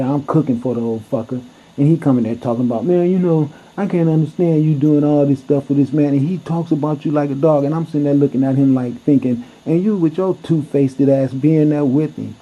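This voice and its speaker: A man's voice: medium pitch, a little fast. A man telling a story to camera in a blunt, heated way, cursing freely as he goes. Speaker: vlogger. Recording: dull lo-fi recording.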